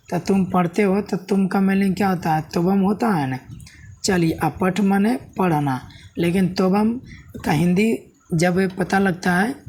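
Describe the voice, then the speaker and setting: A man with a high, darkish voice teaches a Sanskrit grammar lesson step by step in a classroom-style video. He keeps questioning the viewer and checking in with "है ना?". There is slight background noise.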